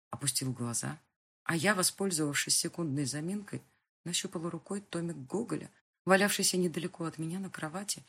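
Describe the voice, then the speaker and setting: Husky woman narrating an audiobook. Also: sits low. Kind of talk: first-person fiction narration.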